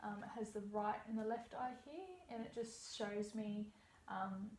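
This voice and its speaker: Here a young woman, working as an iridology practitioner, guides someone through a practice consultation one step at a time in a calming manner. She speaks at a measured pace in a mid-range, darkish voice with fairly even intonation, captured in an echoey room with a faint background hum.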